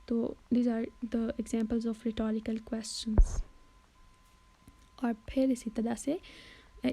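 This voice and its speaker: A woman tutor walks through a poem in a casual lesson, pausing on fillers and correcting herself as she goes. Her voice sits a little high but sounds very dark and mellow, with a flat, even delivery. She slows right down whenever she reads a quoted line. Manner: hesitant, with frequent fillers and self-corrections. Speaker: literature tutor. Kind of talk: explaining a poem in a Hindi-English lesson.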